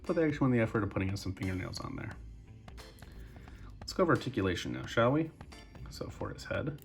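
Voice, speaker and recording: A man's voice: lowish voice, quick pace, vocal fry, soft background music. A young man with a congested voice, breathing through his mouth as he chats casually through a toy review. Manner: relaxed, chatty, addresses viewers as guys.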